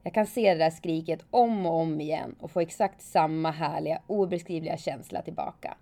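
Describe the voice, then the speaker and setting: Low, mellow-voiced woman narrating her story. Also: gravelly. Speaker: former alpine skier telling her story. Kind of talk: first-person scripted narration.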